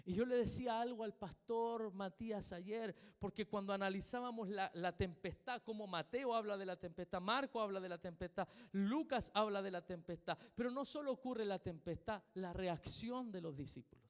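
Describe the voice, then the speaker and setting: A man's voice: sits high, normal speed, few pauses, clear, resonant tone. Man, Chilean accent, pastor, emphatic sermon, long church-hall reverb. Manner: emphatic preaching with repetition and questions to the congregation. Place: church sanctuary.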